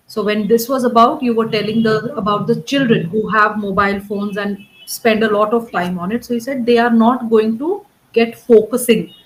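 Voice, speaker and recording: A woman coaching a student in spoken English, one-on-one. Her voice sits a little high and stays patient and measured. She corrects mistakes step by step and keeps checking in with short questions. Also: poor audio. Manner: patient, often checks understanding with "right?" and "correct?"; corrects grammar and pronunciation step by step. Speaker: English speaking tutor.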